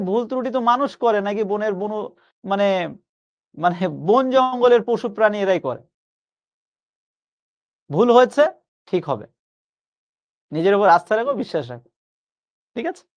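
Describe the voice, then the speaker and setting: Young man teaching Bangla grammar, slow. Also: high-pitched, a little mellow, dull audio. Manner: coaxing, repeats key phrases slowly for emphasis. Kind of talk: live online class lecture.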